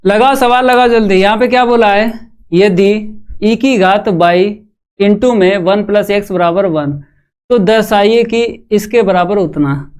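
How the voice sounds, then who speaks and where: Slow, clear-voiced male maths teacher. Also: high-pitched. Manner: talks students through steps, quizzes the live chat; calls students "bhai". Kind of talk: live online maths lesson.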